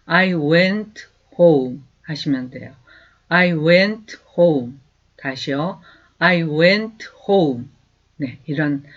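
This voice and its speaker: A man teaching a beginner language lesson, patiently drilling sentences slowly and repeating them, with an encouraging manner. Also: fairly high pitch, fairly bright tone. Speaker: English teacher. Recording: dull lo-fi recording.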